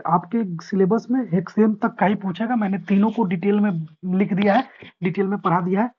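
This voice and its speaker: A man teaching a chemistry revision class. He explains patiently, repeats key points, reads English definitions slowly and asks his students whether they understood. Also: high voice. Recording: dull lo-fi recording.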